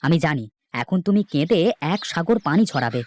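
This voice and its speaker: A man's voice: fairly high pitch, animated, a little fast, a little mellow, natural voice. A man voicing a stern, grumbling village farmer and father in a cartoon, talking with sarcasm. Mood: sarcastic. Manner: scolding, sarcastic. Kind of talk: cartoon voice acting.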